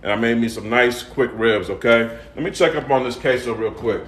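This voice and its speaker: Man, Southern US accent, casual livestream host, folksy sales chat, mid-range pitch, roomy echo. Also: a little fast, slight background noise. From United States, raised in Atlanta. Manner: folksy, repeats himself and tags phrases with "okay?" and "all right?". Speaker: home cook and seasoning seller hosting a livestream. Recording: echoey, roomy sound.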